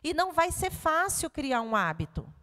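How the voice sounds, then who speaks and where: Before an audience in a church hall, a female pedagogue tells stories and speaks straight to the listeners during a lively parenting talk. She talks at a normal speed in a high-pitched voice, trailed by long reverb.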